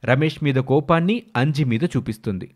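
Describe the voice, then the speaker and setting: A man narrating a moral story for a cartoon in a steady, plain storytelling manner. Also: mid-range voice, moderate pace.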